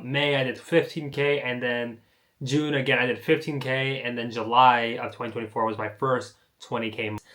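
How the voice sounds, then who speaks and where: A young American man talks through his own journey in a loose, conversational way. His sentences start over often and he leans on "like" as a filler. His voice sits at an ordinary middle pitch. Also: fairly bright tone. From United States. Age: young adult. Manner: rambling, many "like" fillers and restarts. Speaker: online entrepreneur. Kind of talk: casual personal storytelling to camera.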